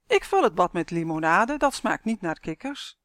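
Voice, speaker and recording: A woman's voice: on the low side, very animated, normal speed, fairly bright tone, dry recording. A firm, scolding storybook aunt who is kind underneath, voiced by a woman reading a children's tale. Her voice is close and dry. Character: strict but kind odd aunt, adult woman.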